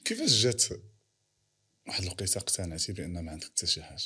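A man's voice: deep voice, huge pitch swings, very fast, sharp tone, breathy edge. A man with a Moroccan Arabic accent hosting a casual interview. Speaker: interview host.

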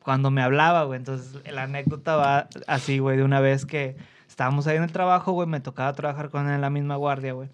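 A man's voice: mid-range voice, steady tone, quick pace, hardly any pauses, clean tone. Slangy Mexican man telling a story. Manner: slangy, says "güey" constantly. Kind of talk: casual storytelling chat.

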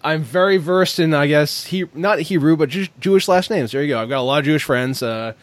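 Guy hosting a chill podcast, kinda high voice, jokey and rambly, dry sound. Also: a little fast, no room sound. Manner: rambling, self-correcting, jokey. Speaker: podcast host. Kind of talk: casual podcast chat.

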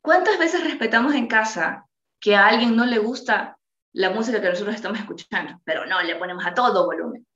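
A woman's voice: mid-range voice, fairly quick, bright, forceful tone, reverberant, highs cut off. A woman giving a motivational talk, earnest and full of rhetorical questions to her listeners. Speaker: motivational speaker.

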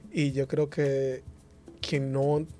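A man speaking on a discussion panel, measured and careful, restating phrases as he refines his point. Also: medium pitch, flat delivery, warm tone, soft background music. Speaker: panel guest.

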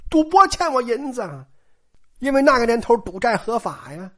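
A woman voicing a cocky young man who extorts and mocks in a gruff way. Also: on the high side, big pitch swings, moderate pace. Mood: mocking.

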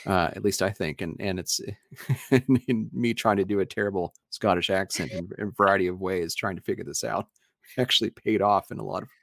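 A man's voice: sits low, brisk, creaky, dry recording, studio quality. A man interviewing on a podcast, talking with many hesitations and restarts. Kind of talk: conversational interview.

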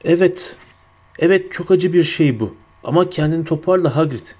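A man voicing a stern, worried older woman professor who speaks in a hushed, clipped way. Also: on the high side, moderate pace, pitched above the performer's own voice, natural voice.

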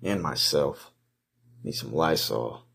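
A man with a deep voice narrates his outing as it happens, casually and off the cuff. His talk is crude and full of slang and swearing. He comes across as blunt and mocking, commenting on whatever is in front of him. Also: expressive, slow pace, gravelly, a bit bright, husky. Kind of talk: casual improvised first-person running commentary.

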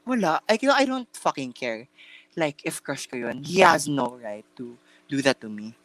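A man's voice: medium pitch, very animated, measured pace, fairly bright tone, no room sound. A young man co-hosting a casual podcast, telling a story in chatty mixed Tagalog and English with lots of fillers and campy slang. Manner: chatty Taglish storytelling with many fillers and restarts. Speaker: podcast co-host. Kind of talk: casual chat.

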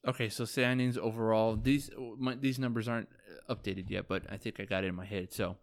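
A man's voice: on the low side, steady tone, fairly quick, dry recording, clean studio sound. A man hosting a casual fantasy football podcast, joking loosely, swearing now and then and ribbing his league friends while sounding tired. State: tired, yawning. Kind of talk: casual solo podcast recap.

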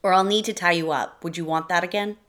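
A woman reading a short story, voicing an abusive, controlling man with a rough, commanding manner. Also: on the low side, steady tone, fast, a bit bright, lightly acted. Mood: menacing.

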